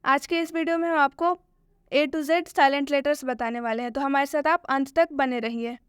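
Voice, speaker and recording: Female teacher, high-pitched, poses questions to students. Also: steady tone, normal speed, no room sound, studio quality. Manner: asks the viewer rhetorical questions. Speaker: English teacher introducing the lesson. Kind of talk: scripted video introduction.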